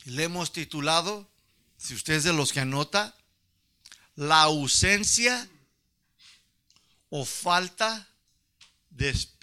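A Mexican-American pastor with a Chicano Spanish accent delivers a folksy sermon to his church, putting questions to the congregation. His voice is fairly high, pushed and bright.

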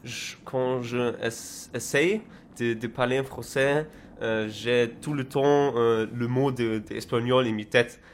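A young man from Germany with a German accent touched by Spanish, speaking broken, halting non-native French in a casual interview, often repeating and searching for words. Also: medium pitch, fairly even intonation, slight background noise. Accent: German with Spanish influence. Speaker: interviewee recounting travels.

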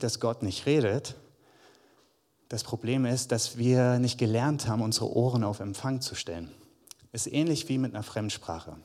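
A man's voice: medium pitch, a little mellow. Man preaching in an echoing hall. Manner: conversational, addresses the congregation directly, reads Bible verses aloud. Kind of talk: sermon. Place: church hall. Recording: long hall reverb.

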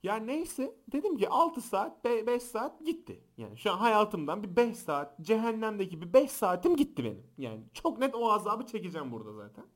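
A young man hosting a podcast, telling funny stories and acting out the shouting people in them. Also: high-pitched, a little fast, hardly any pauses. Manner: animated, acts out quoted shouts and voices. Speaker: podcast host. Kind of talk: casual podcast storytelling. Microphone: close podcast microphone.

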